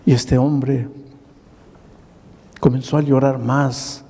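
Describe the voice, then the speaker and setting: A middle-aged male pastor preaching in a large hall, his mellow, unhurried voice carrying a long reverb. He tells a story earnestly and acts out the voices of the people in it. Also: medium pitch, flat delivery, vocal fry, breathy edge. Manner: slow, earnest storytelling that acts out quoted dialogue. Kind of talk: sermon storytelling.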